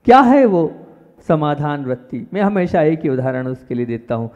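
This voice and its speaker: Man, Jain monk preaching, emphatic bursts, mellow voice, long hall reverb, dull sound. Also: fairly high pitch, sing-song, moderate pace. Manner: emphatic, rises sharply on key words, addresses listeners directly. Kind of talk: sermon.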